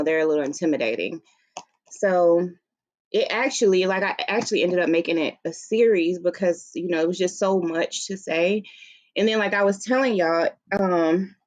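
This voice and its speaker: A woman with a Southern US accent chatting casually and playfully on an informal livestream, recorded through a laptop's built-in microphone. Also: medium pitch. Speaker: livestream host and author. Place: room at home, seated on beanbag. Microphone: laptop's built-in mic, no plugged-in microphone.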